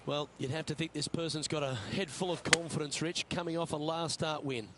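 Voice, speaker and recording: A male golf commentator voiced by an actor anchors video game coverage in a fairly high voice. His announcing is polished and measured, with clear noise behind him. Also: fairly even intonation, close to an everyday voice. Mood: composed.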